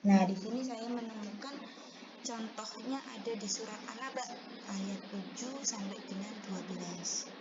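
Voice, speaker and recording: A woman teacher giving a recorded tajwid lesson, explaining step by step and reciting verses slowly. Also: medium pitch, a loud crowd. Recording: dull lo-fi recording with background noise.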